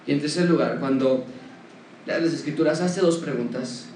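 A man with a high voice preaches a sermon and speaks straight to his listeners with practical counsel. He sounds far from the mic in an echoey room, with faint noise underneath. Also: normal speed, a little mellow. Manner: direct, addresses listener with practical advice.

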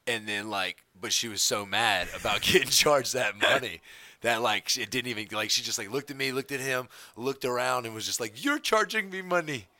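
A man, co-hosting a podcast and telling stories in a rambling, animated, slangy way. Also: medium pitch, brisk. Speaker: podcast co-host. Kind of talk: casual chat and storytelling.

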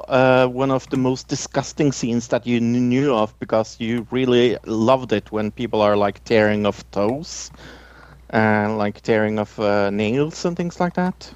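A man co-hosting a casual podcast, talking with many fillers and pauses. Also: mid-range voice, darkish tone, smooth. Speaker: podcast co-host. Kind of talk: casual chat. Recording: dull lo-fi sound.

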